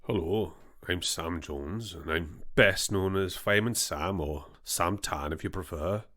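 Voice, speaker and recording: A man voicing a calm, earnest male firefighter in a comic mock interview, speaking slowly and measuredly. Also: low-pitched, pitched below the performer's own voice. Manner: slow, measured, safety-lecture delivery.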